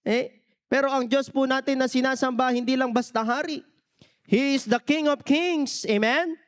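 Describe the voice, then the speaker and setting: A man's voice: very high-pitched, steady tone, normal speed, clear, resonant tone. A man from the Philippines preaching a sermon as pastor, mixing English phrases into his talk and often asking the congregation to answer back. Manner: peppers every point with questions to the congregation.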